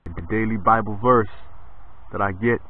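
A man on a pilgrimage walk, vlogging casually outdoors and in his tent, relaxed and prayerful, often tacking "man" onto his sentences. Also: lowish voice, moderate pace. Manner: laid-back, prayerful, says "man" a lot. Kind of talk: casual walking vlog. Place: outdoors, walking roads and camping in a tent. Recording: tinny lo-fi camera audio with faint outdoor noise.

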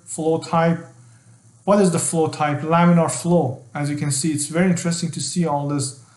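A middle-aged man teaching an engineering software tutorial, explaining step by step with fillers and restarts. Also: high-pitched, reverberant. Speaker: HVAC design instructor. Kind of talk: screen-share software tutorial.

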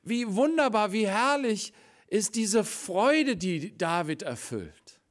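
Animated German preacher, lively pitch. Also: male voice, slow. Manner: animated, swings between loud exclamations and hushed, quiet passages; acts out quoted voices in the story. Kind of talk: sermon. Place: church.

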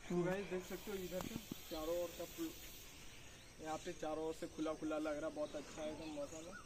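In a casual home tour vlog, a young man with a fairly high, level voice speaks briskly as he walks through a small concrete house's bare rooms and rooftop, chatting to the sister holding the camera. That camera sits a few steps away, so the sound is echoey and distant, with background noise.

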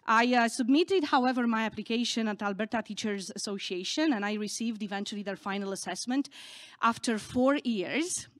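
A middle-aged woman whose native language is Romanian tells a candid, earnest personal story from a conference stage, speaking into a podium microphone. Her voice is a little high with a fairly bright tone, and she's a little halting.

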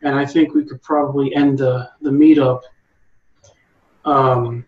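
A man's voice: medium pitch, flat delivery, measured pace, roomy sound, highs cut off. A man leading an art meetup, giving encouraging critique and often restarting his sentences. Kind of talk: art critique, casual coaching.

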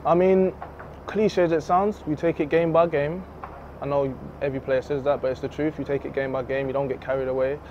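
A young man, a footballer giving a relaxed, candid post-match interview into a handheld mic in an empty stadium. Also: on the high side, brisk. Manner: relaxed, candid, laughs easily. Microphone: handheld reporter mic. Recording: slightly dull outdoor audio with faint noise.

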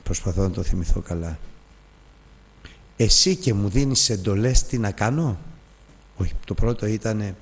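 A man teaching a Bible lesson as a sermon, telling stories with lively, emotional acted dialogue. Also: fairly low pitch, pauses often, slightly rough, big-room sound. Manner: emotional storytelling, acts out dialogue.

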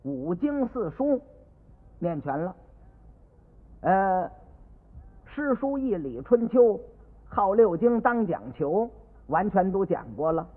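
A man narrating a comic monologue in a lively way, shifting into different voices for each character. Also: high-pitched, slow, pauses often. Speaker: comic storyteller. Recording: tinny old radio recording with long reverb.

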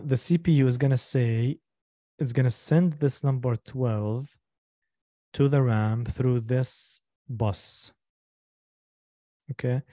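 A male instructor giving a live online lecture, explaining slowly and patiently, repeating each step and asking the class for questions. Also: medium pitch, mellow, dry recording, clean studio sound. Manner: asks the class for checks and questions.

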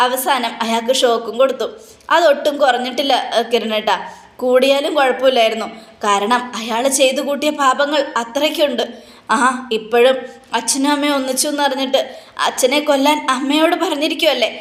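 A woman recaps a TV serial episode in a chatty, dramatic storytelling manner, acting out the characters as she goes. Her voice is high, and the recording rings with room echo. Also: fairly quick. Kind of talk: casual retelling of a TV serial episode. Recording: echoey room.

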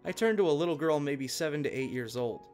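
A man giving a scripted narration of an online post in a steady, even reading manner. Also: fairly high pitch, quick pace, faint music behind. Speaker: story narrator.

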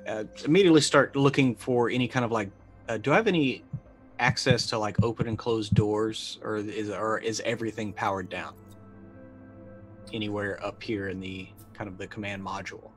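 A middle-aged man casually improvises his character's actions in a tabletop roleplaying game over an online video call from an indoor room, hesitating and muttering as he thinks. His fairly low voice keeps a fairly even intonation at a moderate pace. Faint music plays in the background, and the audio is poor.

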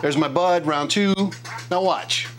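A middle-aged craft and repair YouTuber, with a fairly high voice and a slightly slow pace, vlogs casually from his home workbench while testing a repaired console. He jokes, hums tunes, and laughs at himself in a self-deprecating way as retro video game music plays.

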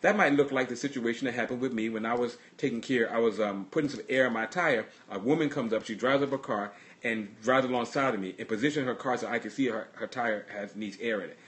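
A man's voice: mid-range voice, a bit bright. A man pastor giving a livestreamed sermon, earnestly telling personal stories and often restarting his sentences. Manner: halting, restarts and repeats words; earnest storytelling.

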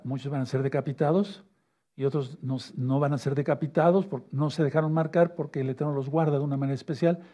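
Man preaching, husky dark voice, keeps asking "¿sí?", drags out key words. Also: medium pitch. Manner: asks "¿sí?" and "¿de acuerdo?" often, repeats key words slowly. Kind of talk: sermon teaching with a whiteboard.

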